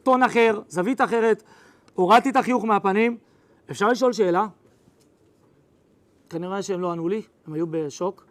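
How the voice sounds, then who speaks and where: Very high-voiced man telling a story. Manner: slangy, lively storyteller, dramatic retelling. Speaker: rabbi teaching a class. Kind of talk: storytelling lesson to young students.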